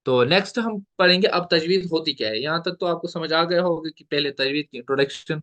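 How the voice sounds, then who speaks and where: Bright-voiced man teaching. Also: a little high. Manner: explains slowly, repeats points, mixes English words into Urdu. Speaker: tajweed teacher. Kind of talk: recorded online lecture.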